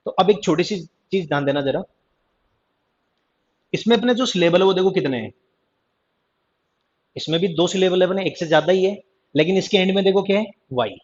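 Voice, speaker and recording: Teasing grammar teacher, lo-fi. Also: male voice, high-pitched. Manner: teasing, chatty, keeps repeating "ध्यान देना" and "ठीक है जी". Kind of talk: live online class, Hindi explanation. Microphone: online class stream mic. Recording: dull lo-fi stream audio.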